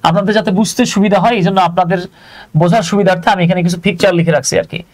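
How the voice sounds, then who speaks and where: Quick, high-voiced man teaching English. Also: fairly even intonation. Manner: chatty, asks viewers to check along. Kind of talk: live online lesson.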